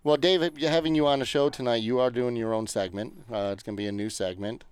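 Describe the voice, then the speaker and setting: A man's voice: mid-range voice, steady tone, fast talker, smooth, dry recording. A man hosting a casual podcast with his brothers, upbeat and loose, often trailing off with fillers. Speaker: podcast host. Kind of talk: casual chat among brothers.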